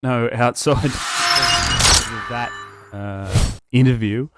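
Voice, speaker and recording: A man's voice: mid-range voice, extremely slow, loud music behind the voice. A man hosting a podcast with casual, crude comedy banter, blunt and a little hesitant. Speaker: podcast host.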